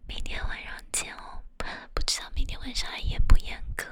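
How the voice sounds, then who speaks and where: A woman's voice: brisk, fairly bright tone. A young woman hosting a late-night livestream, talking to her viewers in a teasing, playful whisper close to the microphone. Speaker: livestream host.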